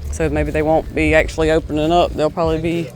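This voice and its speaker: A man's voice: fairly high pitch, monotone, fast, a little hiss or hum. A man hosting a vlog, chatting unscripted as he walks outdoors, stammering now and then. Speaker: vlog host. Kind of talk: casual walking-tour narration. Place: outdoors at a waterfront marina, walking.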